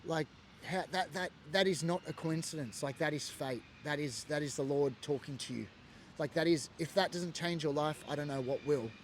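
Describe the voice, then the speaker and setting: A former biker, an Australian from Sydney, offers an emotional and earnest monologue about his life, filled with fillers. His voice is on the high side at a moderate pace, with slight background noise.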